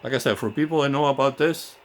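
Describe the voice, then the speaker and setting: A fast-talking man with a mid-range voice, not a native English speaker, works as a radio technician and walks through repeater equipment hands-on. His tone is informal, enthusiastic and explanatory, and he's in an indoor home electronics workshop. The recording is clear, with workshop ambience in the background.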